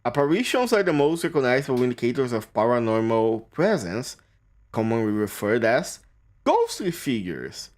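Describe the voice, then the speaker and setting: A man streams a game and reads its text aloud, often tripping over a word and starting again. His pitch swings widely as he reads, sitting in a middle register. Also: very animated. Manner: reads haltingly, stumbles and restarts on words.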